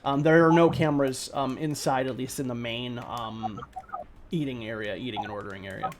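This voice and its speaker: A man narrating a tabletop game as game master, relaxed and full of ums and likes. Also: medium pitch, fairly quick, background noise.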